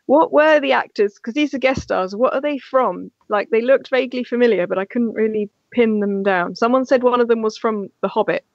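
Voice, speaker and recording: A woman's voice: a little high, brisk, hardly any pauses, a little mellow, no echo. A woman hosting a podcast in casual chat, joking as she moves through her questions. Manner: jokey, leads the questions. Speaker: podcast host. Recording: dull dry recording.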